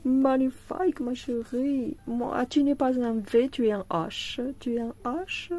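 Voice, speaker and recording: A woman's voice: on the high side, a little slow, a little mellow. Tired, chatty French-speaking woman vlogger. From France. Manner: chatty, talks to the viewer, laughs often. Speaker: cross-stitch vlogger. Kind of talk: casual chat unboxing a craft kit.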